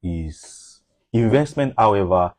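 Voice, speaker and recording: A man who is a medical doctor, a guest on a radio talk show, speaking in a reflective, deliberate way. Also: on the low side, expressive, darkish tone, dry recording.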